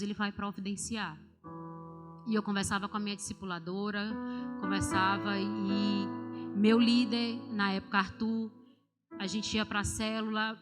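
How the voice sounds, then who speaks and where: A woman tells her personal testimony to a church congregation. She speaks in an animated, confiding way and talks straight to the listeners. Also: mid-range voice. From Brazil. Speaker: church member giving testimony. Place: large church sanctuary during a service. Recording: long church reverb, music underneath. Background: instrumental worship music.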